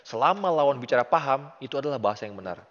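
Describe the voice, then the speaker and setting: A man's voice: medium pitch, expressive, racing, fairly bright tone. Indonesian male Arabic tutor, patient and encouraging, muffled reverberant audio. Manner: patient, encouraging, praises often. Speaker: Arabic teacher. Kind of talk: casual online tutoring lesson.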